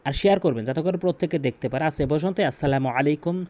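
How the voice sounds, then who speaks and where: A man teaching Quran recitation, repeating words slowly and chanting short verses as examples. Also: fairly high pitch, mellow. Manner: drills pronunciation, repeating words slowly and stressed.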